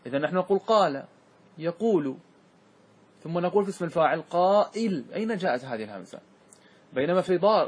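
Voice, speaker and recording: A man, a sheikh, teaching a class on Arabic grammar, reciting verse slowly and checking whether students follow. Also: on the high side. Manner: asks students rhetorical checks like "clear?". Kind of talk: classroom lesson explaining verse.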